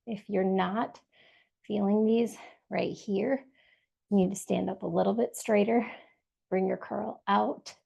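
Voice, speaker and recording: A woman's voice: medium pitch, fairly even intonation, unhurried, gravelly, pauses often, dark tone, husky, dull audio. A woman leading a workout over a video call, giving encouraging step-by-step cues while she exercises. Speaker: fitness instructor. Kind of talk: live workout instruction.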